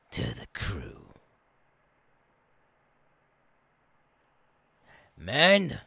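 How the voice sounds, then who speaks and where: A menacing clown pirate captain in an ASMR role-play. He is theatrical and gleefully cruel, drawling very slowly in a raspy, husky voice that swoops from hushed threats to barks. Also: mid-range voice, no echo, heavily acted. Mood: commanding. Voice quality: raspy, gravelly.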